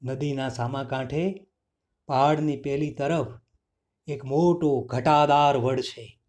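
A man narrating a children's story in a lively, expressive way. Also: medium pitch, slow pace.

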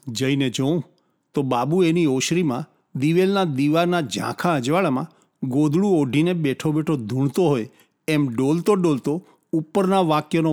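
Male storyteller, calm and descriptive, slightly high pitch. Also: normal speed. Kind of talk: scripted story narration.

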